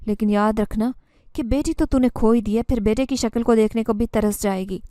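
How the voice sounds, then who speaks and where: A woman voicing a bossy, scornful mother-in-law from a spoken horror story, her threats delivered in a fairly high yet mellow voice, sharp and cutting. The dry, close recording keeps every jab up front. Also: no echo, lightly acted. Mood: threatening.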